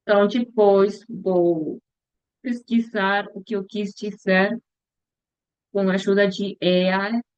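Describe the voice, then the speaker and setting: Direction slow, hesitant young woman vlogging. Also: mid-range voice, darkish tone, smooth, dry recording. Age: young adult. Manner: slow, hesitant, searching for words with restarts. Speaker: future missionary practicing a language. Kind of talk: casual reflective vlog monologue. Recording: dull, dry lo-fi recording.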